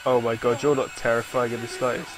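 A man's voice: medium pitch, level tone, fast, noisy background. A man giving casual let's play commentary, joking and swearing as he reacts to the game.

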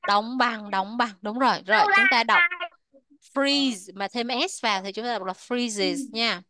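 A woman's voice: a little high, a bit bright. Woman teacher drilling English words. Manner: repeats words slowly for pupils to echo. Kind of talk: bilingual classroom teaching.

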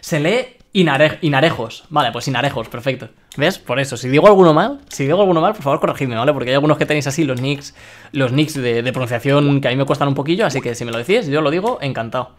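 A young man from Spain chatting excitedly while streaming a game and reading his chat aloud. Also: medium pitch, fast talker. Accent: Spain Spanish. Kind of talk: live-streamed gameplay commentary.

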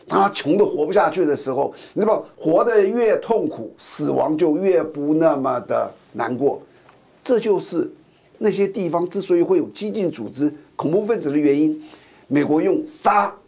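Older man, ex-navy commentator; gravelly, rhetorical, pressing. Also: a little high, darkish tone. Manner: emphatic, rhetorical questions, colloquial. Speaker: former navy captain, commentator. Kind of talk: talk-show commentary to camera.

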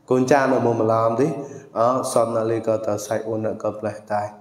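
A man's voice: fairly low pitch, level tone, fairly quick. A man giving a traditional verse performance, declaiming with frequent exclamations and sometimes slipping into sung lines. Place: monastery hall. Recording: echoey hall with long reverb.

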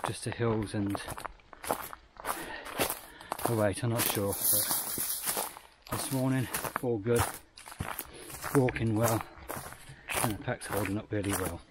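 An Australian hiker vlogs on a bush trail, panting on a climb as he talks plainly and matter-of-factly about his pack and thinks aloud about numbers. His voice is on the low side with fairly even intonation, a slow pace, and frequent pauses. The casual outdoor vlog is noisily recorded.

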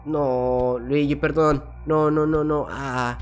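A man with a Mexican accent commenting on a horror game as he plays, jumpy and full of slang, who yells and laughs when something startles him. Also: fairly high pitch, animated, moderate pace, soft background music. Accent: Mexican Spanish. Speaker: gaming YouTuber.

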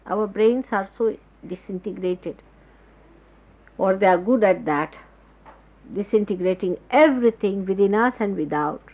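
A woman's voice: medium pitch, slightly rough. Woman teaching on a dull old tape. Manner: explanatory, gropes for words with pauses. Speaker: spiritual teacher. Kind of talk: spoken spiritual talk to followers. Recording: dull lo-fi 1979 tape recording.

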